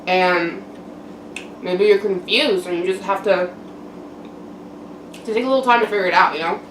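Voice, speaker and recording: A young adult woman giving a casual, candid personal monologue to camera in a reflective, halting way with frequent pauses. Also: mid-range voice. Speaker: mukbang vlogger. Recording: roomy echo, distant mic, background noise.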